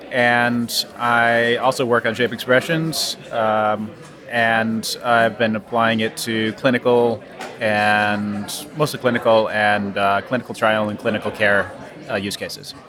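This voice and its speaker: A man's voice: medium pitch, flat delivery, slow pace, a crowd in the background. A man introducing himself briefly at a meeting, correcting himself as he goes.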